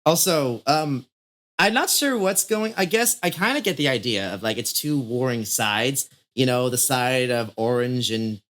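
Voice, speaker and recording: A man's voice: medium pitch, expressive, measured pace, fairly bright tone. A man hosting a casual podcast chat. He laughs often, talks in an easygoing, playful way and tends to ramble and trail off mid-thought. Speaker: host.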